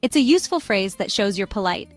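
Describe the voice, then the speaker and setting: A woman giving a scripted travel phrase lesson in an upbeat tone, repeating words slowly so listeners can practice. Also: mid-range voice, lively intonation. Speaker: language tutor. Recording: dry close mic with faint music.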